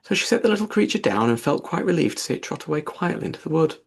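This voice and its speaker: A man narrating a classic children's story as an audiobook reader, in an expressive storybook manner. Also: on the high side, rapid-fire, vocal fry, husky. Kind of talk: scripted narration.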